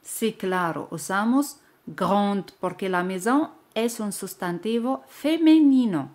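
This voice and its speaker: Woman, language teacher, measured, very slow delivery, repeats words clearly, mid-pitched voice. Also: animated, darkish tone. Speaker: French teacher.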